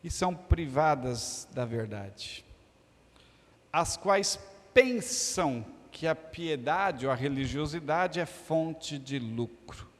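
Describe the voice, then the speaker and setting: A Brazilian pastor preaches a sermon in a church hall, his voice fairly high and animated but slow. He tells humorous stories, cracking jokes one moment and hammering home emphatic lists of words the next, all carried by the hall's reverb.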